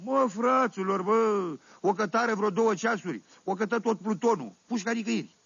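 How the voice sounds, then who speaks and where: Un actor care interpretează un sătean oltean de vârstă mijlocie, povestind glumeț și fără șir, cu accent oltenesc, într-o comedie radiofonică. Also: male voice, high-pitched, creaky, fairly bright tone, husky, no room sound, exaggerated voice. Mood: amused, rambling. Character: folksy Oltenian village man telling tales. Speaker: storyteller. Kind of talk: 1970s radio comedy monologue. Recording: dull dry 1978 vinyl radio recording.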